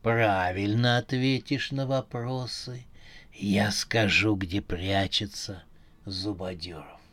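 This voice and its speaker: A man doing a slow, low metallic robot voice on the phone. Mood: eerie calm. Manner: slow, eerily calm quizzing. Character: calm mysterious caller with an artificial metallic voice. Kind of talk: audiobook narration with voiced characters.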